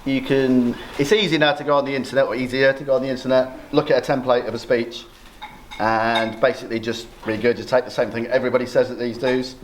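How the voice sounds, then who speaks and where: A man's voice: medium pitch, fairly even intonation, fast talker. A middle-aged man giving an informal, joking wedding speech as father of the bride, with a dry, self-deprecating, sometimes sweary delivery. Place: busy indoor wedding reception. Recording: noisy crowded room, loud ambience. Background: chattering, laughing guests.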